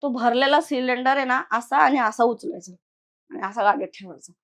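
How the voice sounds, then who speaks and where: Here a young Maharashtrian woman's slightly high, somewhat bright voice carries a casual spoken horror tale from her own life, delivered at an ordinary pace. As the guest storyteller, she acts out what others said while retelling the events.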